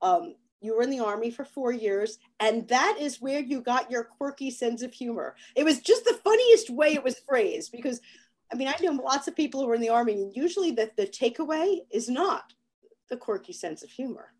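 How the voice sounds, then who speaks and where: A woman hosting a casual interview, chatty and quick to laugh along with her guest. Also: fairly high pitch, expressive, a little mellow. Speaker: interview host.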